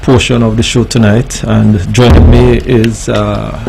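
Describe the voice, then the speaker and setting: A man's voice: medium pitch, flat delivery, vocal fry. A man with a Caribbean accent hosting a radio talk show in a courteous, formal way. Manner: courteous, formal, deliberate phrasing. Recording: faint background noise.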